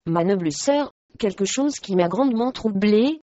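A woman reading the part of a grave, haughty abbess who speaks in a monotone, in a slightly dull recording. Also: mid-range voice, unhurried, dry recording, close to an everyday voice.

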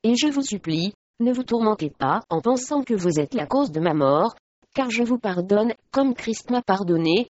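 A frail young noblewoman facing death , voiced by a woman storyteller speaks softly and serenely, a little lower than a plain speaking voice. The recording is dry and dull, with little treble. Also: expressive, moderate pace, no echo, close to an everyday voice. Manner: soft, serene. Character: young frail noblewoman, calm condemned martyr.

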